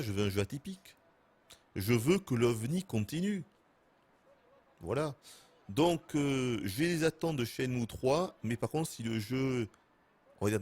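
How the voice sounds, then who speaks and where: A man in his thirties giving casual, excitable gameplay commentary as a streamer, laughing and swearing often. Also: mid-range voice. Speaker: gaming streamer.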